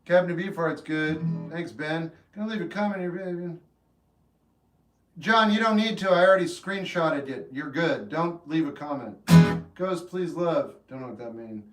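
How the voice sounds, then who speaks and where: A man in his fifties hosting a livestream, chatting casually with viewers in a relaxed, rambling way that turns earnest when he gives advice. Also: on the high side, normal speed. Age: 50s. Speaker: livestream host. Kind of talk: casual chat answering live chat. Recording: roomy echo, mic at a distance, faint guitar music.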